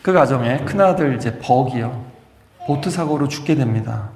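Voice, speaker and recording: A man's voice: mid-range voice, expressive, normal speed, darkish tone, a little hiss or hum. A male pastor delivering an emphatic storytelling sermon, acting out quoted lines as he goes. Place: church sanctuary. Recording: echoey church hall with long reverb.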